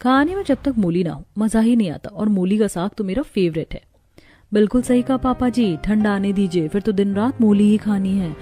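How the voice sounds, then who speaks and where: A woman's voice: mid-range voice, moderate pace, warm tone, faint music behind, lightly acted. A woman voicing young daughters-in-law in a cartoon family story, chatty and complaining.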